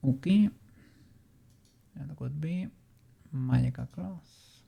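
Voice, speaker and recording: A 3D modeling streamer chatting casually on a livestream and muttering quietly to themself while working. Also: mid-range voice, takes it slowly, creaky, breathy edge.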